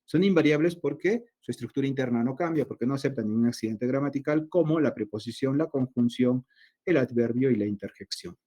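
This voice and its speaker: A Latin American man teaching an online class, explaining slowly and voicing his students' questions himself. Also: mid-range voice, dark tone, lo-fi sound.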